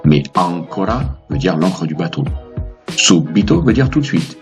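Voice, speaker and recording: A man's voice: sits low, sing-song, a little fast, music in the background. A man hosting a language lesson, explaining grammar to viewers in an upbeat, patient way with playful asides. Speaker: language teacher, host.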